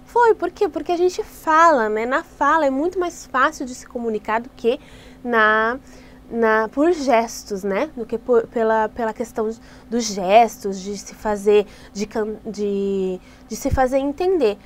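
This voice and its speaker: High-voiced Brazilian woman teaching. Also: measured pace. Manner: chatty, explanatory, frequent restarts and tag questions. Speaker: Sunday school teacher trainer. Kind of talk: informal teaching tutorial.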